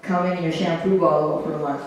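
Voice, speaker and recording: A man's voice: on the high side, steady tone, quick pace, heavy background noise, close to an everyday voice. A man voicing an unbothered, laid-back young man who shrugs everything off breezily. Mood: breezy. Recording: echoey room, mic at a distance.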